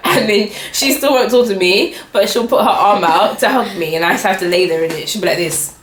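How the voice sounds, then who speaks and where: Lively young woman, roomy sound. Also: medium pitch, fairly quick. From England. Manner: animated, laughing, lots of "like". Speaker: vlogger. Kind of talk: casual chat. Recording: roomy echo.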